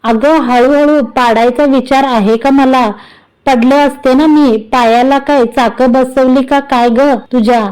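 A woman's voice: sits high, steady tone, measured pace, darkish tone, clean tone, low-quality recording. A woman voicing a bossy household elder. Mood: scolding. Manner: scolding, bossy. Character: stern older woman of the household.

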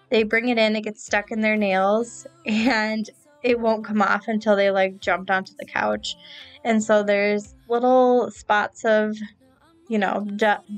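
A woman in her thirties chatting casually as she narrates her own cleaning vlog in a voice-over, upbeat and loose with fillers. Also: mid-range voice. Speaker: cleaning vlogger. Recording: voice-over with soft background music. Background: faint music.

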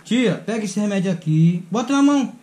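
A high-pitched man filming a casual prank vlog. He coaxes and teases in a joking, laughing voice, with a faint hum of noise in the background. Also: expressive, brisk, warm tone. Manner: teasing, laughing, coaxing. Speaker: vlogger.

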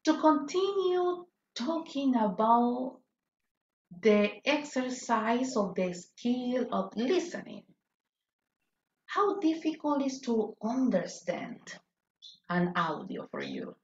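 A chatty woman English teacher runs an online class over a video call, switching between English and Spanish. Her voice is fairly high with big pitch swings, very slow, and darkish in tone. The audio sounds echoey, muffled, and dull, with faint noise behind it.

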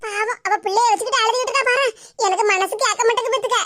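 A woman voicing a worried, soft-hearted elderly village grandmother with a Tirunelveli Tamil accent. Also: extremely high pitch, very fast, background noise. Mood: pitying.

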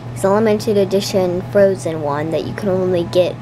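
A woman's voice: lowish voice, normal speed, natural voice. A young girl voicing a creepy, rambling grown man who brags about the phantoms he keeps. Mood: boastful. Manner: rambling, bragging. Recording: noisy room recording.

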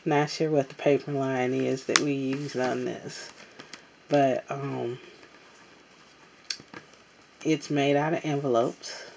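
Slow, low-voiced woman showing craft buys. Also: a little mellow, slight background noise. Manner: unhurried, many ums and pauses. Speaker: crafting vlogger. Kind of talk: casual haul show-and-tell. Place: indoors at a tabletop.

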